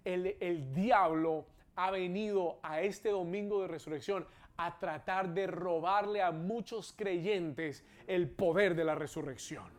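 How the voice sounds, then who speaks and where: High-voiced man preaching a fervent sermon. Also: slow. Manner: preaching, builds to exclamations and call-outs. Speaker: pastor. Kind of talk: bilingual sermon with English echoes. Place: church service.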